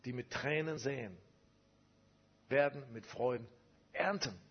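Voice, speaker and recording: A man's voice: mid-range voice, unhurried, breathy edge, dull audio. A man preaching a sermon, telling a personal story emphatically and repeating phrases.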